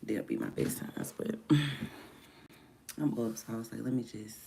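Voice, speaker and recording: A woman who livestreams and makes music chats casually from home on a morning stream, her voice deeper than usual because she's just woken up. She rambles at a moderate pace, gravelly, drifting between soft murmurs and livelier bursts, with a little hiss or hum in the audio.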